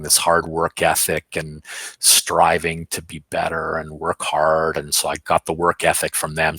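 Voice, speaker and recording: A man's voice: very deep voice, bright, forceful tone, husky, dry recording. A man speaking as a guest in a casual interview over a video call from his office, candid and self-assured, sometimes laughing at himself. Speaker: guest, company founder.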